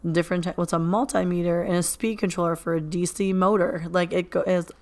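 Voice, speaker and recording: A woman in her thirties hosts a podcast in a casual, chatty way, her voice a bit hoarse from nearly losing it. She sits fairly low in pitch and fills her talk with relaxed likes and ums. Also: fairly quick. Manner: relaxed, conversational, lots of fillers. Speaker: podcast host. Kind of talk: casual chat.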